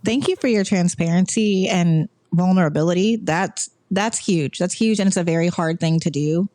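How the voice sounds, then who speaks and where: Earnest woman co-host, a bit low-pitched, dry close sound. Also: moderate pace, warm tone, dry recording. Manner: earnest, gushing thanks, repeats herself. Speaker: podcast co-host. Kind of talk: casual chat.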